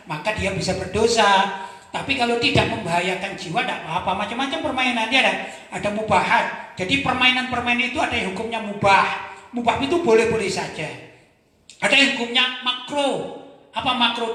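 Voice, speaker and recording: A man's voice: extremely high pitch, sharp tone. A man, an Islamic cleric giving a conversational religious question-and-answer lecture, often checking in with his listeners through rhetorical questions. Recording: echoey hall with long reverb.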